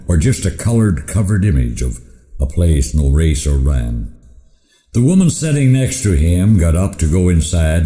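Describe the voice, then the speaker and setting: A man's voice: low-pitched, warm tone. A man with a folksy cowboy drawl, reciting a rhymed cowboy poem as a storyteller. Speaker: cowboy poet. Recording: roomy echoing hall.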